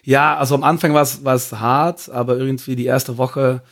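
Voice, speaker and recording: A man's voice: mid-range voice, level tone, normal speed, a bit bright. A man from Belgium, a podcast guest speaking hesitantly and searching for words in a casual interview.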